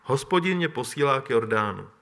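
A man reading the lines of Elijah, a calm and resolute old prophet, in a plain, low-key voice. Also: creaky. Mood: solemn.

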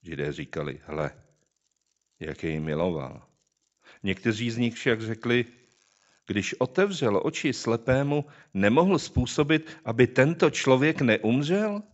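A man's voice: medium pitch, animated, highs cut off. A man reading a scripture passage aloud and then preaching on it, drawing listeners in with rhetorical questions.

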